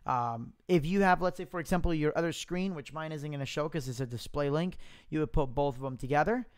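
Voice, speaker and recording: A man presenting a software demo in a casual live tutorial, informally thinking aloud into a close mic with popping plosives. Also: a little high, a little fast, smooth. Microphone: close mic without pop filter, popping plosives.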